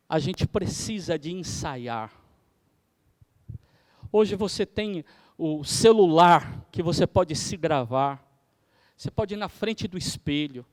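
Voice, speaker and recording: Guy teaching preaching, high voice, echoey hall, really varies his delivery. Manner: expressive, varies pace and loudness for emphasis. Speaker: theology professor. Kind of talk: lecture on preaching. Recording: hall reverb.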